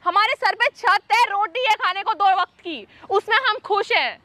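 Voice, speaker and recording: A woman YouTuber vents straight into the camera, indignant and swinging between pleading and threats. Her voice sits very high and rings bright and forceful. She keeps it a direct, emotional address to her viewers. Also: expressive, normal speed, no echo.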